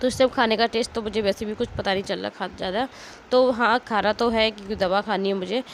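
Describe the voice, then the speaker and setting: A woman in her thirties with a hoarse, strained voice from a cold, chatting casually as she narrates her household day. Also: medium pitch, fairly even intonation, quick pace, slight background noise. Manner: chatty, rambling, straining her throat to speak. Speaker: vlogger, homemaker. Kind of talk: casual voice-over narrating daily routine.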